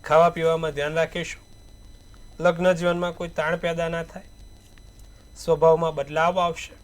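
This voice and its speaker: An astrologer with a high voice delivers a daily horoscope and tarot reading at normal speed, offering advice in repetitive, proverb-like sayings. His pitch barely moves, but his volume swells and dips, with emphatic bursts on key words.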